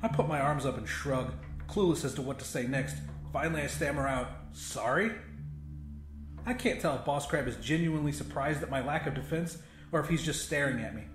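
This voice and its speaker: In a roomy, echoing space with music and noise in the background, a man with a mid-range voice narrates quickly. He's an audiobook narrator telling a scripted first-person horror comedy, conversational and full of swearing.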